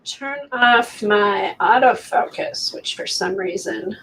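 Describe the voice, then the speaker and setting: A woman's voice: medium pitch, takes it slowly, a bit bright, slight background noise, low-quality recording. A woman chatting casually as she hosts an art show and shows her craft work, rambling with many fillers, in her morning voice. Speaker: host of an art livestream. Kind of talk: casual chat while showing crafts.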